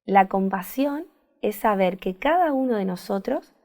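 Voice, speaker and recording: A woman's voice: medium pitch, animated, a little slow, warm tone. A woman therapist with a Rioplatense Spanish accent, speaking thoughtfully in an interview and often searching for words and repeating phrases. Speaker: therapist guest. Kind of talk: reflective conversational interview.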